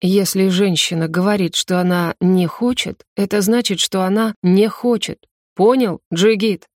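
A woman reading the lines of a tall, strong young man who speaks slowly and deliberately. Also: medium pitch, no room sound, studio quality, lightly acted. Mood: stern. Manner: slow, deliberate. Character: tall strong young male rescuer, calm.

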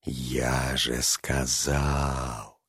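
A cunning storybook dragon, put on by a man, creeps through each word with a slow, lisping hiss. The voice sinks low and hushed, husky at the edges. It is recorded close and dry, with no room around it. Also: flat delivery, no echo, full character voice. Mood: sly. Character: sly lisping male dragon in a dungeon.

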